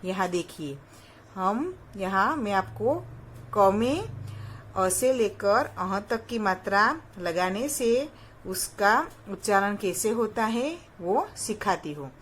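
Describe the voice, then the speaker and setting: A woman's voice: medium pitch, animated, slow pace, slight background noise. A woman teacher giving a patient phonics lesson to young children, sounding out each syllable and asking them questions. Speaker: primary school teacher.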